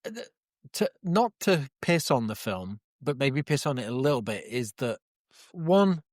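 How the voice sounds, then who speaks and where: A man's voice: medium pitch, big pitch swings, unhurried, dry recording. A man co-hosting a casual podcast from a cabin in the woods, making dry, sardonic remarks. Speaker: podcast co-host. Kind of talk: casual chat.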